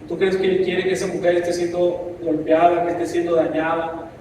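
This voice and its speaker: A man's voice: sits high, little pitch movement, brisk, noisy background. A man preaching a sermon as pastor, impassioned and mixing in asides. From Mexico. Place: church. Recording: echoey church hall from a distance.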